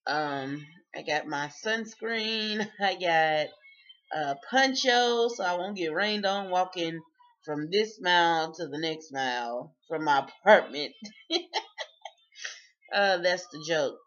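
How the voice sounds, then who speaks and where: A woman's voice: on the low side, slow, a bit bright. A woman talking casually in a video diary, chatty and sleepy, often breaking into laughs. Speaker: vlogger. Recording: dull lo-fi sound.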